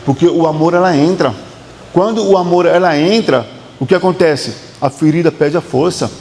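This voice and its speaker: Emphatic Brazilian man with gravelly voice. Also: a little high, a little mellow, long reverb tail, a little hiss or hum. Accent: Brazilian Portuguese. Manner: emphatic, repetitive preaching cadence with quoted dialogue. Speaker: psychotherapist. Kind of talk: motivational talk.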